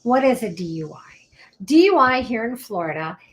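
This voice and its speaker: A woman's voice: on the high side, big pitch swings, moderate pace. Chatty woman attorney hosting a live show. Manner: chatty, upbeat and talkative, drops into whispered asides. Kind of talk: casual live-stream talk.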